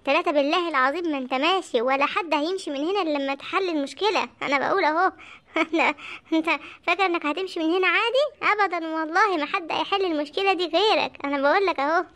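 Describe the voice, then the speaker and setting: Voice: very high voice, racing, bright, forceful tone. A voice actor playing a frightened young husband in a comic cartoon, with an Egyptian accent and a whiny, panicky manner. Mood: insistent. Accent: Egyptian Arabic.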